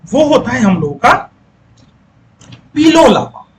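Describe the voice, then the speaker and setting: A man's voice: very high-pitched, very animated, takes it slowly, a little hiss or hum, poor audio. A male teacher giving a lecture who repeats key points, quizzes the class and coaxes students to speak up.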